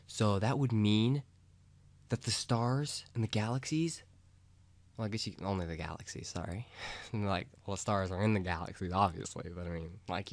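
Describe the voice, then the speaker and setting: A young man talking in a rambling, casual monologue. He gets excited, loses his train of thought and swears freely. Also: low voice.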